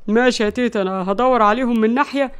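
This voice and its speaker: A woman's voice: a little high, racing, clean tone, natural voice. A clueless young Egyptian man whines and defends himself in a slightly distant voice, played by a woman storyteller. He sounds panicky and sulky, a storybook troublemaker. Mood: whiny. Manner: whiny and defensive.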